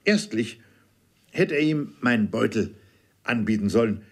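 A kindhearted retired old army captain, read by a man, soft-spoken and gentle. When pressed he turns stubborn and insistent, his level voice rising in pitch. Storybook reading. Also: animated, measured pace, slightly rough.

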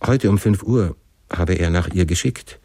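Deep-voiced male audiobook narrator, first-person classic novel, expressive but measured, dry close sound. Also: breathy edge, no echo. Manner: expressive, measured dramatic reading.

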